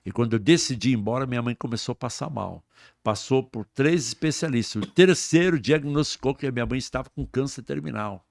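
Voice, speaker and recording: A Brazilian man, a guest preacher, telling his personal testimony on a podcast with fervent delivery that swings between hushed and loud. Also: medium pitch, fairly quick, creaky, dry recording, clean studio sound.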